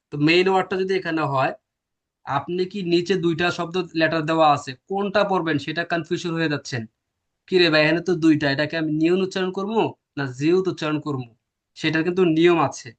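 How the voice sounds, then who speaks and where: Male teacher, a bit high-pitched, quizzes the class and answers himself. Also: fairly even intonation, quick pace, a bit bright. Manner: explains step by step, asks and answers his own questions. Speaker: language teacher. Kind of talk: classroom lecture.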